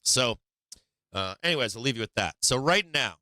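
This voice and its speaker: A man with a thin, tinny voice light on bass, giving rambling, blunt, profanity-laced live trading commentary. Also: expressive, moderate pace, sharp tone, dry recording. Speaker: stock trading livestream host.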